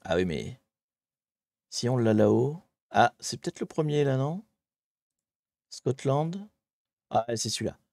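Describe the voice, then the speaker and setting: Guy streaming a map puzzle, mellow voice, chatty and a bit fed up, dry close mic. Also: mid-range voice, big pitch swings, unhurried, gravelly, long pauses, no room sound. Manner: chatty, talks to chat while searching maps, mildly exasperated. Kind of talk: live-streamed geography puzzle commentary.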